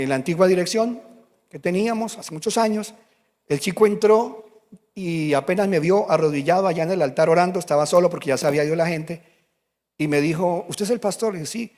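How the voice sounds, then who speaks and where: A pastor preaches emphatically in a high voice, moving through a story. His words carry a long reverb from a church hall. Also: brisk, a little mellow. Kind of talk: sermon.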